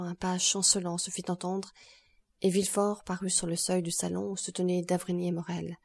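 Low husky woman reading a novel. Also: a little mellow. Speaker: audiobook reader. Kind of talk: classic novel narration.

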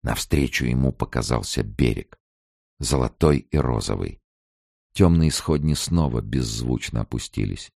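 Deep-voiced man narrating a story. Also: expressive, vocal fry, darkish tone, no echo, studio quality. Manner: measured storytelling. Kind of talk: literary audiobook narration.

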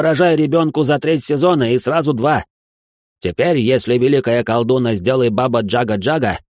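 Guy putting on a jolly jungle translator, broken grammar, higher pitched, pretty loud, dry sound. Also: dry recording, close to an everyday voice.

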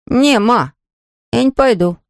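A woman's voice: on the high side, animated, slow pace, no echo, studio quality, voice pushed up. A woman voicing a timid young schoolboy who scares easily, in a whiny, defensive tone.

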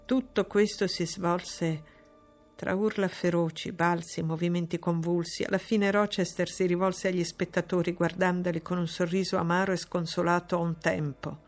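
An Italian woman reading a classic novel aloud in a measured, steady narration. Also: fairly low pitch, faint music behind. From Italy. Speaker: audiobook reader. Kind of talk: literary audiobook narration.

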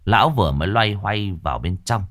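Low-voiced man telling a ghost story. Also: brisk, no echo, studio quality. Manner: dramatic, expressive.

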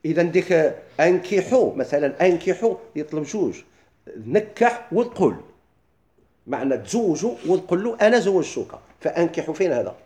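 Fast-talking Moroccan man teaching. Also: a little high, sing-song, warm tone, echoey room. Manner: quizzes listeners with quick questions, then answers himself. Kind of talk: classroom lesson explaining legal theory.

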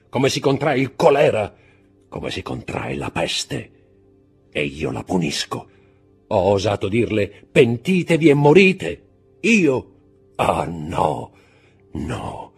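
A man doing a frantic, husky royal prosecutor. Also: very deep voice, voice pushed down, full character voice. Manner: shouting, desperate outbursts. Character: anguished male royal prosecutor, haunted, frantic.

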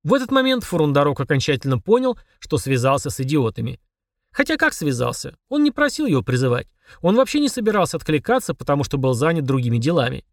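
A man narrating a comic fantasy audiobook in an expressive, wry manner. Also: fairly high pitch, fast talker, no echo, clean studio sound. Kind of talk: scripted narration.

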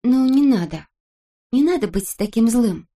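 A woman voicing a kind little girl who speaks softly and coaxingly, as in a storybook. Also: medium pitch, a little fast, pitched above the performer's own voice, close to an everyday voice. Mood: gentle. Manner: soft, coaxing and affectionate. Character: gentle, kind little girl comforting a friend.

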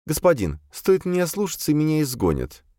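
A man's voice: a little high, wildly swooping pitch, a little fast, dark tone, no echo, clean studio sound, pitched above the performer's own voice. A man voicing a young female demon disguised as a servant, speaking meekly and deferentially in an audiobook. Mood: subdued, confessing. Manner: timid, deferential, pleading.

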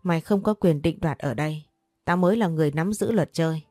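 A woman's voice: deep voice, brisk, mellow, no echo, clean studio sound, soft background music. A woman voicing a spiteful, cruel young aunt who talks in harsh, contemptuous threats in an audio story. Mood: sneering threats.

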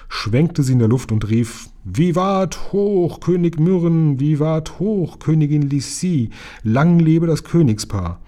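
A man reading a children's book aloud in a calm, even storytelling voice. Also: fairly low pitch, breathy edge. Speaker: reader.

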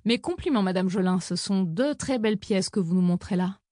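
A woman's voice: mid-range voice, brisk, warm tone, no echo, lightly acted. A woman reading an audiobook and voicing a sly young man with mocking politeness, in close to her own voice.

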